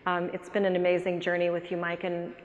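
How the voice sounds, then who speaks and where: A woman's voice: on the low side, completely flat delivery, a little fast, highs cut off. A woman speaking on stage, earnest and grateful, stopping and restarting as she talks. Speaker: guest speaker, real estate agent. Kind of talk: onstage speech. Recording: hall reverb with faint noise.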